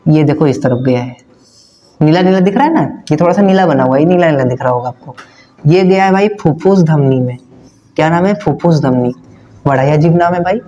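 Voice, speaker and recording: High-voiced Hindi-accented science teacher. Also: male voice, warm tone, dull audio, a little hiss or hum. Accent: Hindi-speaking North Indian. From India. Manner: repeats key terms, asks and answers own questions; casual, addresses students as brother and kids. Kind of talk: online class lesson with diagram.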